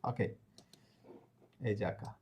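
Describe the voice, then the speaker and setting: A man teaching a grammar lesson to a class, explaining step by step and often asking if students follow. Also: a little mellow. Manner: explanatory, checks understanding with frequent questions; spells out verb endings slowly. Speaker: language teacher.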